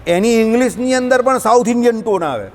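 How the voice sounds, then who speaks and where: Gujarati man, informal religious teacher, high-pitched, chatty, quizzes his listeners. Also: quick pace, a little hiss or hum. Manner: conversational, asks listeners questions often. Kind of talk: informal scripture talk to a group.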